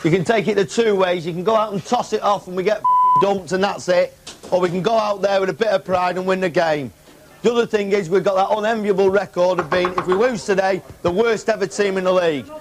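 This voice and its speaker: A man gives a blunt team talk peppered with swearing. His voice is high and moves up and down a lot. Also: big pitch swings, a little fast.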